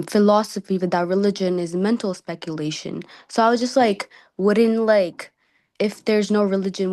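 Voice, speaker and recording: A woman's voice: mid-range voice, darkish tone. A woman asking a question in a casual discussion, tentative and filling her speech with "like". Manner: tentative, many "like"s.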